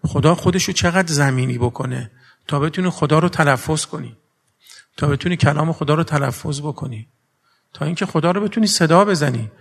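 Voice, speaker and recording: A man's voice: a little high, vocal fry. A man preaching a religious sermon with earnest rhetorical questions, moving between formal phrasing and everyday speech. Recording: long reverb of a large hall.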